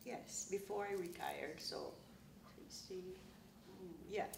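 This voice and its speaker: A woman in her sixties from Barbados talks about her dancing in a deep, slow voice. She stops to think and search for words. The sound is distant and roomy, with a steady hiss underneath. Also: creaky. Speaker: quadrille dancer. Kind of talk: interview answers. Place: small studio with plain backdrop.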